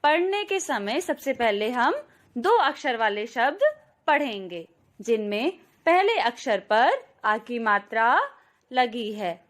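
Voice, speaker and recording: A woman teaching a slow, clear phonics lesson to young children, stretching out each syllable and often calling out to them. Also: on the high side, sing-song. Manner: drawn-out syllables, addresses children warmly; very slow, careful pace. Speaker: kindergarten teacher.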